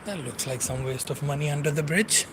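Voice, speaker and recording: A man in his forties narrates his walk along a river for a vlog, speaking English as a non-native and drifting loosely while often reaching for words. His pitch is fairly high and his pace fairly quick. The outdoor background is noisy.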